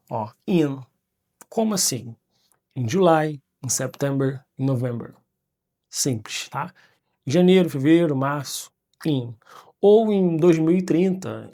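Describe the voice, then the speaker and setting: Guy in his 30s teaching english, a bit high and gravelly, keeps checking in with the class. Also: warm tone. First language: Portuguese. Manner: frequent tag questions, slow careful English examples. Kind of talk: explaining English grammar to students.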